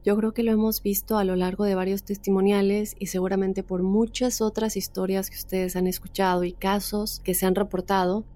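A woman podcast host calmly reading a listener's paranormal story aloud and then commenting on it. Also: medium pitch, fairly quick, hardly any pauses, soft background music.

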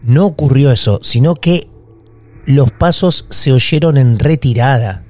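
A man's voice: medium pitch, unhurried, a little mellow. A man hosting a call-in podcast, reacting with short, engaged interjections. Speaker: podcast host. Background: faint music.

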